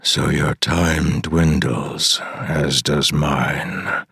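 Ancient weary demigod, deep and dragging, slow, heavy lines, read by a male narrator. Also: fairly even intonation, gravelly, a bit bright, husky, dry recording, clean studio sound, exaggerated voice. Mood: grave. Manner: slow, heavy, low delivery.

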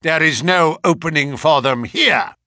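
Casual: guy doing a raging old army colonel, high strained bark, bright and sharp, yelling threats. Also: unhurried, no echo, clean studio sound. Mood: furious. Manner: shouting, blustering threats. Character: furious old male army colonel, bristling.

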